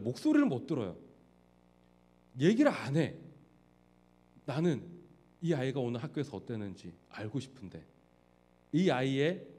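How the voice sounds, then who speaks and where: A man preaching a sermon as pastor, animated and addressing the congregation with frequent rhetorical questions. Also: medium pitch.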